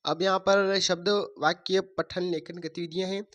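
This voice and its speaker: A man's voice: high-pitched, level tone, moderate pace, fairly bright tone, muffled recording. A man teaching a workbook lesson, reading stories aloud and explaining answers step by step. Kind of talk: workbook lesson read-through.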